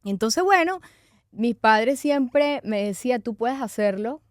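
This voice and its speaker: Woman, interview guest, clear smooth voice, dry close mic. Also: on the high side, expressive, takes it slowly, dry recording. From Venezuela. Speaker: guest, author and speaker. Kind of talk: conversational interview.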